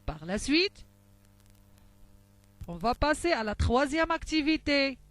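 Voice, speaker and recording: Slow high-voiced woman teaching phonics. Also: sing-song, a bit bright, no room sound. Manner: slow, carefully articulated, syllable by syllable. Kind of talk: slow phonics lesson for young children.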